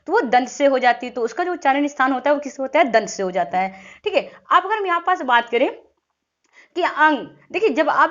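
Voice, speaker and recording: A woman's voice: high voice, fairly bright tone. A woman teaching an exam-prep lesson, explaining step by step, sounding out letters and often checking in with listeners. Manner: frequent "thik hai" check-ins. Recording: dull lo-fi audio.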